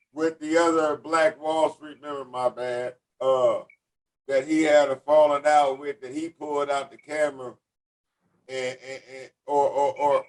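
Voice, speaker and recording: A man's voice: a little high, recorded from a distance, poor audio. A man hosting a casual podcast interview, laid-back, stumbling over restarts as he asks questions. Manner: laid-back, stammering restarts, laughs easily. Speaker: host.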